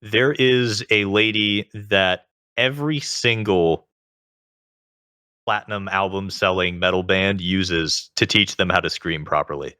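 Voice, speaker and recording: This interview guest, a self-taught singer, speaks in a very low register with some creak at the edges. His delivery is bright and forceful, measured and full of qualifications, and the dry recording puts him right up close.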